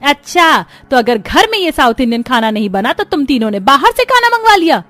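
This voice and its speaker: Cartoon mother-in-law, older, hot-tempered and shrill, voiced by a woman. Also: big pitch swings, a little fast, a bit bright, no room sound. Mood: angry.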